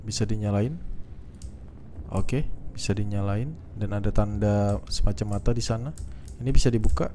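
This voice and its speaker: A young man, a gaming YouTuber, casually talking through a let's-play in a relaxed, chatty way, thinking aloud with lots of fillers. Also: lowish voice, normal speed, long pauses, slight background noise.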